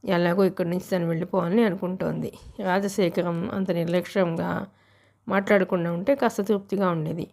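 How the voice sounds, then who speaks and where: A woman's voice: on the low side, steady tone, fairly quick, creaky, darkish tone. A woman narrating a novel as an audiobook reader, telling the story steadily.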